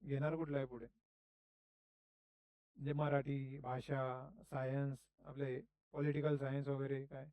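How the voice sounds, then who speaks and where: A man's voice: medium pitch, flat delivery, a little slow, pauses often, darkish tone, dry recording. A middle-aged man teaching a class in a classroom, chatty and constantly asking students questions. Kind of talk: classroom lecture.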